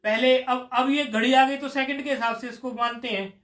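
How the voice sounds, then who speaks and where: A man teaching a Sanskrit grammar class, chanting rules slowly and drawing answers out of his students. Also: extremely high pitch, steady tone, a bit bright. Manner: drawn-out chanting of sutras, coaxing questions to students. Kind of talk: classroom lecture explaining a grammar rule. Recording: echoey room.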